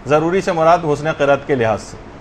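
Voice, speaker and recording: A man with a fairly high voice teaches correct Quran recitation in an unhurried lesson. He moves between plain explanation and slow, drawn-out chanting of verses as worked examples. Faint background noise sits under the voice.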